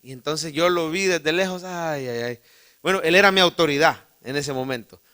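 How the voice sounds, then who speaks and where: In a church sanctuary, a pastor with a Salvadoran Spanish accent shares a humorous, homespun personal anecdote, calling the congregation brother. He speaks a little high, with a sharp, clean tone and moderate speed.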